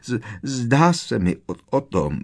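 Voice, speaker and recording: A man's voice: mid-range voice, big pitch swings, gravelly, darkish tone. Mrs Weasley, a sobbing mother witch, voiced by a man. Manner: sobbing, stammering, breathless. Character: distraught middle-aged mother witch, sobbing.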